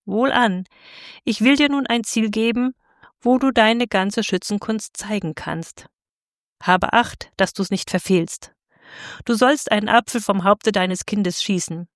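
A woman's voice: medium pitch, moderate pace, no echo, studio quality, lightly acted. A woman voicing a cruel, scheming male tyrant bailiff who talks harshly and mockingly, in a storybook reading.

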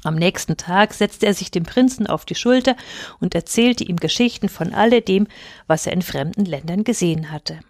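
A woman reading a fairy tale aloud in a calm, measured way. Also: on the low side, no echo, clean studio sound. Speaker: storyteller. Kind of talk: storybook reading.

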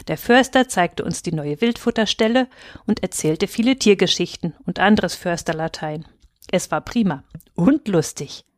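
A woman's voice: fairly low pitch, no room sound, clean studio sound. Woman reading a children's story aloud. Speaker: reader.

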